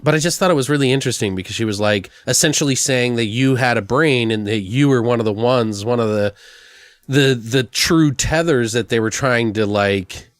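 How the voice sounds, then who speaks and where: A man's voice: medium pitch, normal speed, dry recording. A man co-hosting a podcast, chatting loosely about a film and swearing freely. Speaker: podcast co-host. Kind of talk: casual film review chat.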